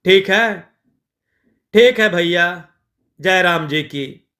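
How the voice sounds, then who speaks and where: A man voicing a greedy middle-aged moneylender who frets and pleads, in a slow, bright voice. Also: high voice, exaggerated voice. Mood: pleading. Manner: fretful, pleading, then remorseful.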